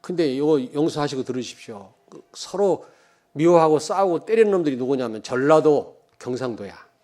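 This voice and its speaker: A man in his fifties from Cheonan, preaching a sermon as pastor, joking and telling stories, swinging from loud emphasis to quiet asides and calling out to the congregation. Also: on the high side, lively intonation, normal speed. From Cheonan, South Korea. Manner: joking, anecdotal, calls out to the congregation.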